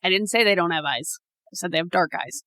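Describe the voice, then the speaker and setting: A woman's voice: lowish voice, fast talker, sharp tone, dry recording. A woman co-hosting a podcast, narrating a creepy scenario to her friend with teasing laughs. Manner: laughs often, teasing, storyteller. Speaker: podcast co-host. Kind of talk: casual chat, narrating a spooky scenario.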